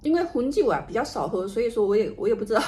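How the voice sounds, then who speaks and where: Woman w/ highish voice, casual eating and drinking vlog chat, unhurried murmured asides, some noise in the room. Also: very animated, mellow. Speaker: vlogger doing an eating and drinking livestream. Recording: noticeable background noise, home ambience.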